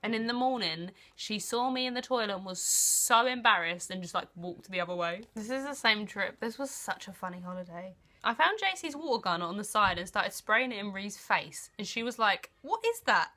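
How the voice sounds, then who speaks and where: A young British woman casually reading her old journals aloud with chatty asides, animated and giggly, acting out what people said. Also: medium pitch, moderate pace, hardly any pauses. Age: young adult. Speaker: vlogger.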